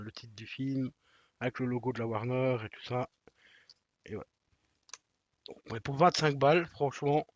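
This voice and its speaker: A man's voice: medium pitch, no echo. Man, casual unboxing vlogger, loose slangy chatter, dull dry home sound. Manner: chatty, slangy, addresses viewer directly, many fillers. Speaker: collector unboxing a steelbook.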